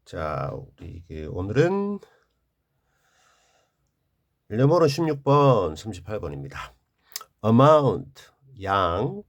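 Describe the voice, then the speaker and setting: A man teaching an English vocabulary lesson, reading each word and then explaining its meaning and stress. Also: fairly low pitch. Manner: slow and drawn out, explaining stress and word forms.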